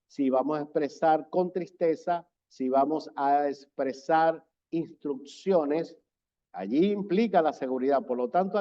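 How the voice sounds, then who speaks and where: A man with a warm, fairly high voice teaches public speaking in an online presentation. He talks slowly and deliberately, repeating points for emphasis, and the audio is slightly dull and lo-fi.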